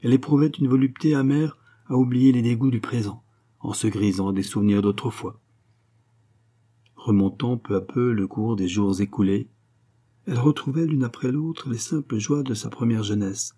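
A man narrating a classic novel in a measured, literary reading. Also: medium pitch, mellow, husky. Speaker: audiobook narrator. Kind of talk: scripted narration.

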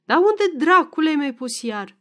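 A woman's voice: a little high, big pitch swings. A woman voicing a sleepy, grumbling old peasant man in an audiobook reading.

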